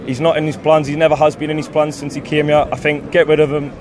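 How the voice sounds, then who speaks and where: A man's voice: fairly high pitch, flat delivery, quick pace. A man firmly stating his football opinion on the street. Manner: firm, repetitive. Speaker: football fan interviewee. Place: outdoors on a busy street. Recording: crowd chatter behind.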